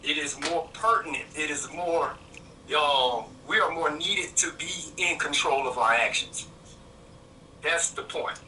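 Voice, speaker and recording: A man's voice: a little high, measured pace, pushed and bright. Emphatic man on an echoey call. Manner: firm, emphatic, lecturing. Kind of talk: podcast debate. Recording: echoey, distant call with faint noise.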